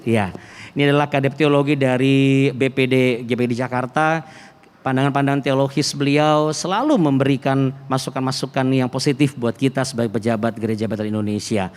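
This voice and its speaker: A man's voice: mid-range voice, steady tone, fairly quick. A man hosting a conversational talk show, speaking through a face mask in a wordy, polite way and repeating himself for emphasis. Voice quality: slightly muffled by a face mask. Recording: reverberant hall.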